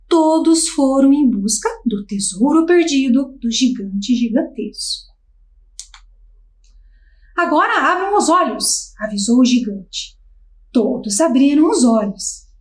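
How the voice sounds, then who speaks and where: A woman's voice: high-pitched, animated, slow pace, reverberant. A woman teacher reading a children's story aloud, switching voices for the characters.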